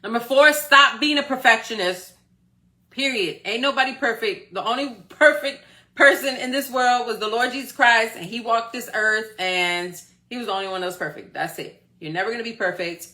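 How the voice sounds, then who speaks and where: A woman's voice: a little high, moderate pace, sharp tone. A woman in her forties giving an encouraging motivational talk on a live stream, often checking in with her listeners. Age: 40s. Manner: encouraging, checks in with frequent "okay?" and "right?". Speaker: motivational speaker.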